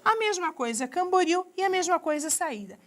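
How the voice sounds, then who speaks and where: A woman's voice: very high voice, very animated, normal speed. A middle-aged woman with a Brazilian Portuguese accent giving a recorded university grammar lecture, asking questions and answering them herself. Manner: didactic, asks and answers her own questions. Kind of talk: recorded distance-learning lecture.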